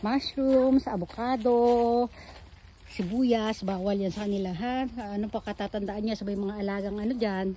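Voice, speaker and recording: A woman vlogs casually on her phone as she walks a hillside garden and dog run, addressing viewers and calling her dog sing-song style, now and then out of breath. Her mid-range voice is steady and warm at normal speed, with a bit of background noise.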